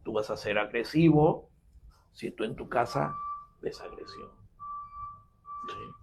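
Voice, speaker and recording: A man on a talk show panel, explaining slowly and emphatically and often checking in with his listeners. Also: medium pitch, slight background noise, low-quality recording.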